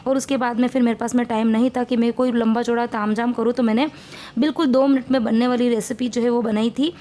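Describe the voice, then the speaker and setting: Chatty woman vlogger with a mellow voice. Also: fairly high pitch, fairly even intonation, quick pace. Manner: chatty, rambling, homely cooking talk. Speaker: family vlogger. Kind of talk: casual vlog narration.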